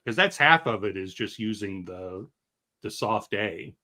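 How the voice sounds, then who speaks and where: An American man in his fifties, a filmmaker hosting a launch chat, talking haltingly with many fillers and restarts. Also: fairly low pitch, animated, bright, forceful tone. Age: 50s. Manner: hesitant, full of fillers and restarts. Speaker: filmmaker and host. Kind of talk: casual chat.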